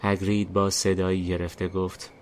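A man narrating a fantasy story in a steady, deliberate reading style. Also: sits low, slight background noise. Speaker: narrator and host. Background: faint music.

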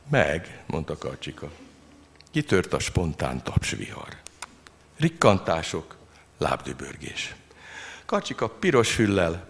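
A man reading his satirical story aloud in a dry, deadpan way. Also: a bass voice, creaky. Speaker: reader of his own humorous story.

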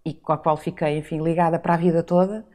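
Woman, forties, from the Azores, interview guest, low mellow voice, reflective storyteller. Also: steady tone, fast. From Azores, Portugal. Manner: reflective, warm storytelling with rhetorical questions. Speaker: podcast guest. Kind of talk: casual interview chat.

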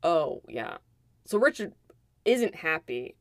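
Woman podcaster ranting thru a movie recap, kinda low voice, dry close sound, swears a lot. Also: takes it slowly, no echo. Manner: animated, profane, emphatic storytelling. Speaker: podcast co-host. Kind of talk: casual movie recap chat.

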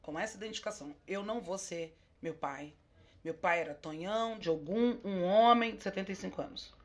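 Expressive woman, interview guest, medium pitch. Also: brisk. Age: 40s. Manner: expressive, laughs often, emotional near the end. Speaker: guest, candomblé priestess. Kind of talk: casual interview chat.

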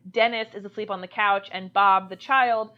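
Podcast co-host, woman, animated casual recapper, mid-pitched, slightly muffled recording. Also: moderate pace. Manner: animated retelling with acted-out quotes and laughter. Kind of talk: casual chat reviewing a movie.

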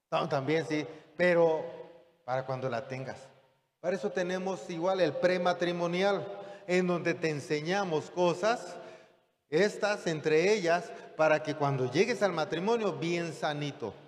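A man's voice: fairly high pitch, measured pace, slight background noise. A man preaching a sermon, talking conversationally and often checking in with the congregation through rhetorical questions. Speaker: pastor. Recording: long hall reverb.

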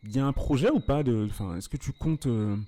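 A man with a mellow, warm voice hosts a relaxed conversational interview. He asks his questions loosely and keeps the talk going with many short murmurs of agreement. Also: mid-range voice, fairly quick. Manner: relaxed, gives frequent short backchannel "yeah"s. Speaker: interviewer, podcast host.

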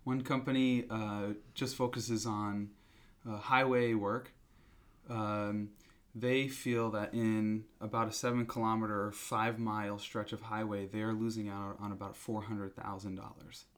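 Fairly low-voiced man explaining things haltingly. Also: level tone. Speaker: company representative explaining a product. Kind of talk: conversational business interview.

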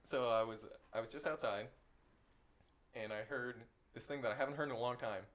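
A man co-hosting a podcast in casual chat, telling stories in an animated way and laughing often. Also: medium pitch, fairly quick. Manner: giggly, animated storyteller. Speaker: podcast co-host.

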